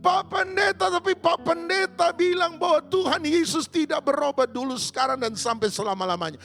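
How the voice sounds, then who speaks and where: Brief: frantic widow pleading, played by a man, high gravelly wail. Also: moderate pace, faint music behind, full character voice. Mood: insistent. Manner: wailing, sobbing pleas, shouting. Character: desperate grieving village widow, woman, pleading.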